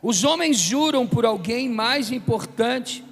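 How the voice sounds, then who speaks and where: Lively intonation and a fairly bright tone mark this high-voiced Brazilian preacher, a man in his fifties, who declaims emphatically and pauses deliberately. At a live event in a large, reverberant hall, he reads scripture with emphasis and leads call-and-response as music plays beneath the long reverb.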